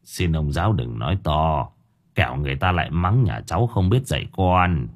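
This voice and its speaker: A man voicing a fretful, lamenting old male market vendor who curses coarsely, in a husky voice. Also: deep voice, very animated, measured pace, voice pushed down, exaggerated voice. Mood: hushed pleading. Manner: whining, lamenting, cursing coarsely.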